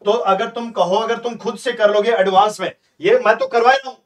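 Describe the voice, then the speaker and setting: Online tutor, male, high-pitched, chatty and repetitive, mic slightly distant. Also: steady tone, brisk. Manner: chatty, coaxing, repeats himself, asks students questions. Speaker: teacher. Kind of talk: live online exam-prep lesson.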